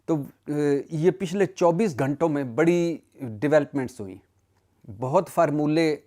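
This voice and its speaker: A man's voice: fairly high pitch, mellow. Indignant male political commentator. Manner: indignant, emphatic, with rhetorical questions and lists; frequent self-corrections and cut-off words. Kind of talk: solo political analysis.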